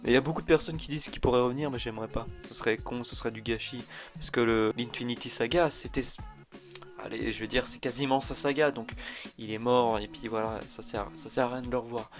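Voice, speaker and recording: A man's voice: medium pitch, fairly even intonation, fast talker, soft background music. A man talking casually to camera as a vlogger, rambling and often restarting his sentences. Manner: rambling, with frequent restarts and asides. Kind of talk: casual chat.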